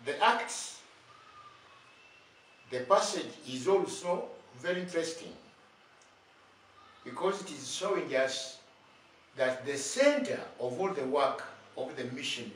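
An older man preaching a sermon, speaking slowly and deliberately in short phrases with long pauses. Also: fairly high pitch, fairly bright tone. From Uganda. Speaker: bishop. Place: indoors, plain room. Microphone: far camera. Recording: very echoey room, far from mic, faint noise.

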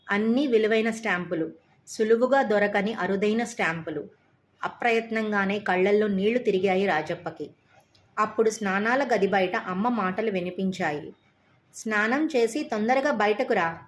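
A woman storyteller narrating an audiobook story in a calm, measured way. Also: mid-range voice.

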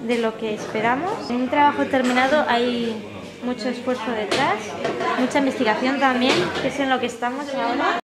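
A woman's voice: high voice, a little fast, a loud crowd. A woman in her thirties from Spain, chatting candidly to a handheld camera while driving and walking through the city. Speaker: vlogger. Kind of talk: casual vlog chat. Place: car and city streets outdoors. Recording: loud street and car noise. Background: traffic and city noise.

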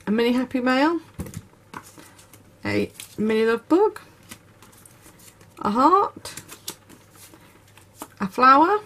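A woman's voice: high-pitched, fairly bright tone, slight background noise. A woman, narrating a craft unboxing video with gushing enthusiasm. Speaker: craft YouTuber. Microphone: camera over tabletop, speaker off screen.

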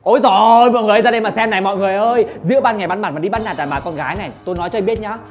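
A woman playing a brash, outspoken young woman who scolds loudly. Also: fairly low pitch, lively intonation, rapid-fire, soft background music, lightly acted. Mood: scolding.

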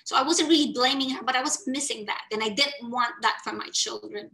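Speaking a little fast in a slightly high, creaky voice, a Filipino woman in her forties shares her life story at an online summit. She is earnest and expressive, using her hands, and a webcam records her in a small room before a plain wall.

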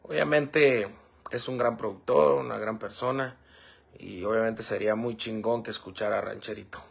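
Male livestream host, gravelly, husky voice, rambling casual chat with viewers. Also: lowish voice, steady tone, normal speed. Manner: rambling, fillers like "este" and "¿verdad?". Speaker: livestream host reading comments.

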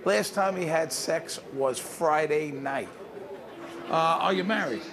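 A man doing a comedy bit, making cocky deadpan judgments about strangers and quizzing them on the street. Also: fairly high pitch, slow, crowd noise. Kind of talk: comic street interviews.

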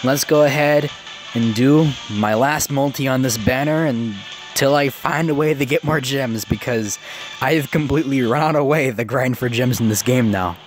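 Recorded on a phone held right at his mouth, a 19-year-old gaming YouTuber chats casually through mobile game summons. His medium-pitched voice is excitable and sometimes stutters, and game music plays behind.

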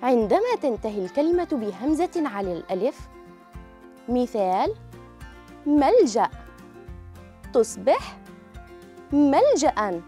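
Lively high-voiced woman teaching a lesson. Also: faint music behind. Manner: clear, drawn-out model pronunciation. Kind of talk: children's grammar lesson.

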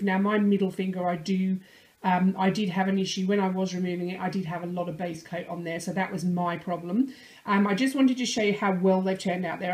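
A woman beauty vlogger, casually demonstrating nail products in a chatty, friendly way with a slightly croaky voice. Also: medium pitch, a little mellow. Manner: chatty, friendly, with many fillers and restarts.

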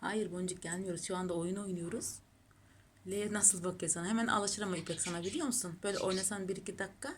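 A woman's voice: mid-range voice, fairly even intonation, quick pace, slight background noise. A woman filming her cats at home, cooing over them and chatting casually to her viewers. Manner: doting, gushing baby talk to her cats. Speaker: pet channel host. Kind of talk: casual home pet vlog.

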